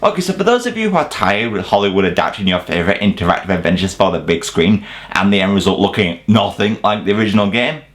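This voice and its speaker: With soft music playing behind him, a British video review host delivers scripted countdown comedy in a sarcastic, sweary, over-the-top style. His pitch is on the low side, and he sounds animated and quick.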